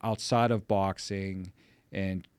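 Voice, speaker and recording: A middle-aged man from the Pittsburgh area telling family stories in a casual chat, animated when amused. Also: low voice, slow, clear, resonant tone, no room sound. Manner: animated anecdote teller, voice jumps up when amused. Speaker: podcast guest.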